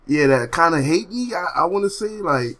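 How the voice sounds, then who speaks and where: A man's voice: fairly high pitch, animated, normal speed, a loud crowd. A young man co-hosting a casual podcast, talking in a laid-back, hesitant way with many fillers. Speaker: podcast co-host.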